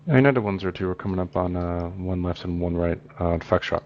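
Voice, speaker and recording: A man speaks as a pilot over the radio in a low, gravelly voice. He rattles off clipped radio calls at a brisk pace, with a hesitant "uh" here and there. The transmission sounds muffled and far off. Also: darkish tone. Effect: pilot heard over the radio. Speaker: airline pilot on a flight simulation network.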